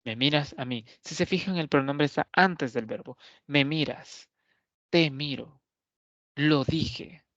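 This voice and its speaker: Slow, deliberate male teacher. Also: on the high side, fairly bright tone, no echo. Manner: slow, deliberate explaining with frequent pauses and checks on the listener. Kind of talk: recorded grammar lesson. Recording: dull, lo-fi dry recording.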